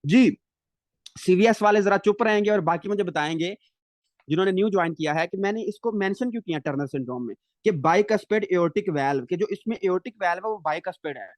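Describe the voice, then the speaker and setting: A man giving a live medical lecture, asking questions and answering them himself, stretching key English terms slowly. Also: high-pitched, dry recording.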